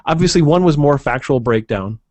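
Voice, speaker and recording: A man's voice: fairly high pitch, animated, a little fast, a little mellow, dry recording. A man hosting a casual conversation, talking in an easygoing, hesitant way with fillers.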